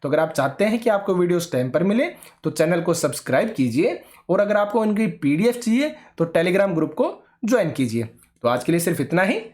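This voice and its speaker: A man's voice: sits high, very animated, brisk, a little mellow. Man teaching an exam-prep lesson. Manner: explanatory, checks in with "ठीक है?" often. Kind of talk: online exam-prep lecture.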